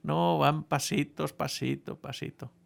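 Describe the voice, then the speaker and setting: A man preaching to a congregation with a somewhat high, gravelly voice. He tells a humorous story playfully and with animation, often breaking off and restarting his phrases. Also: steady tone, a little slow.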